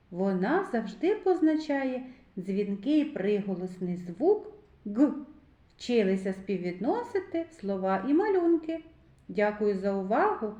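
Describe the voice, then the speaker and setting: Woman kindergarten teacher, rather high voice, slow and deliberate with a bouncy sing-song lilt, echoey room. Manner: drawn-out, carefully enunciated syllables with lively sing-song pitch. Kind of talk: slow, clear reading lesson for small children.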